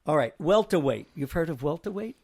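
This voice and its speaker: A man's voice: on the high side, big pitch swings, vocal fry, darkish tone, husky. A man hosting a casual chat, playfully reading out word definitions and example sentences. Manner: playful, chuckling, reads aloud slowly at times. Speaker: host.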